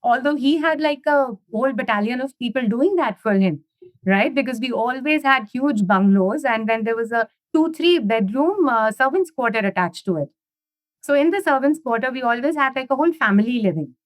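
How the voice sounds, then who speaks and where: Animated and brisk, a woman from India talks at length in a casual interview, her slightly high voice recorded dry and close. Long stories flow out laced with "you know" and "right?"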